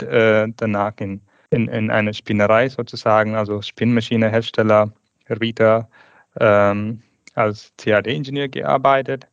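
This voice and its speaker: A man's voice: medium pitch, no echo. A man, speaking hesitantly as a guest in a podcast interview over an internet call. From South India. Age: late 30s. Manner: hesitant, searching for words in a second language. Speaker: guest researcher. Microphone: video call. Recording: dull, dry internet call.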